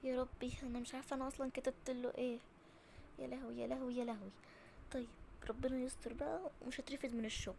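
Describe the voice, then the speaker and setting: Egyptian girl gamer muttering quietly to herself, highish voice, faint hiss. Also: fairly even intonation, racing, creaky. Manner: hushed, anxious muttering. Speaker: gaming channel host. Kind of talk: whispered asides while playing.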